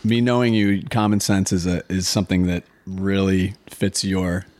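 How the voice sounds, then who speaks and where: A man's voice: deep voice, little pitch movement, moderate pace, darkish tone, no room sound. A man from Minnesota hosting an interview, talking in an easygoing, affirming way. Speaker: interview host. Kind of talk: conversational interview.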